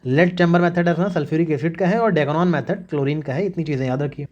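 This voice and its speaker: A male teacher runs through exam facts at a brisk clip, repeating key points and checking in with "okay" after each one. His voice sits a little high for a man. The audio is dull and lo-fi. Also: a little mellow. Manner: brisk, repetitive drilling with frequent "याद रखना" and "ठीक है". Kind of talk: mnemonic-driven exam revision lecture.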